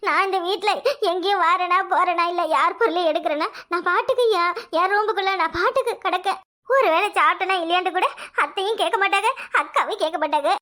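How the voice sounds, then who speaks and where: A woman's voice: extremely high pitch, fast talker, pushed and bright. A woman voicing a touchy young married woman who protests with wailing self-pity, in a southern Tamil Nadu accent. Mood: tearful. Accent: southern Tamil Nadu dialect. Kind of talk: cartoon voice acting.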